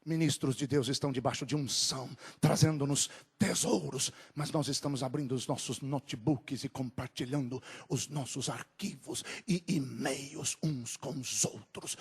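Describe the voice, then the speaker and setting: A man preaching a sermon, moving from low, quick talk to drawn-out shouted climaxes. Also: steady tone, breathy edge.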